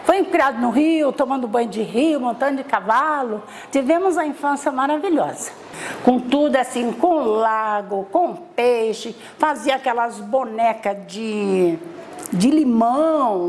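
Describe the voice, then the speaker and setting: A woman's voice: fairly high pitch, lively intonation, a little slow, darkish tone, a little hiss or hum. A middle-aged woman from Bahia telling her life story in an interview, chatty, with many tag questions and restarts. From Salvador, Bahia, Brazil. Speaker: interviewee, mother.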